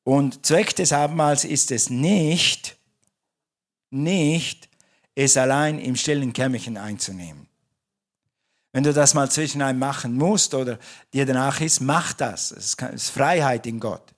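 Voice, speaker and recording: A man's voice: medium pitch, a little slow. A man preaching a sermon in German to his congregation, talking in a conversational way with frequent restarts and self-corrections. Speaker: pastor. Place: church.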